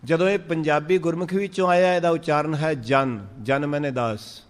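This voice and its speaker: Punjabi guy preaching, stretches out verses then explains, kinda high voice. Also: long reverb tail. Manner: chants verses slowly, then explains in lively speech. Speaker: Sikh preacher. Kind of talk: sermon on scripture.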